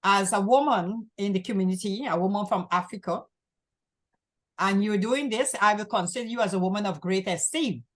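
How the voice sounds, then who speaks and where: A woman's voice: medium pitch, normal speed. A woman from Guyana hosting a community access talk show, talking in long rambling runs and often repeating herself. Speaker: host.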